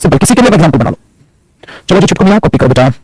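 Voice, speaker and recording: A man teaching English grammar at a fast clip, with a slightly raised pitch and a husky edge to his voice. He explains in Hindi, drops in English example sentences, and keeps asking his students questions and answering them himself. The recording is close and dry, with no room sound. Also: big pitch swings, darkish tone, no room sound, rough recording. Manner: addresses students as beta and putra ji, asks and answers his own questions. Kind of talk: online grammar lesson.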